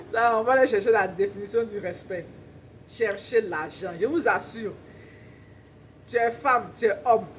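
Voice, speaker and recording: Emphatic high-voiced Ivorian woman. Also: a little slow, long pauses, slight background noise. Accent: Ivorian French. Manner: emphatic, preachy, laughs often, repeats for emphasis. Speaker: relationship advice commentator. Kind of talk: casual advice monologue to viewers.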